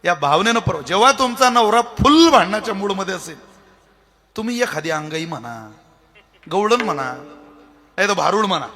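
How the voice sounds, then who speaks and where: A man preaching a devotional kirtan sermon in a lively, humorous manner, talking straight to the crowd. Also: sits high. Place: festival pavilion. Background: faint tabla and instruments.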